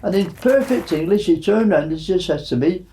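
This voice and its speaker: Halting elderly man in his nineties. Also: high voice, expressive, warm tone, low-quality recording. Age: 90s. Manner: halting storytelling with many fillers. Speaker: war veteran. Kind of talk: recounting wartime memories.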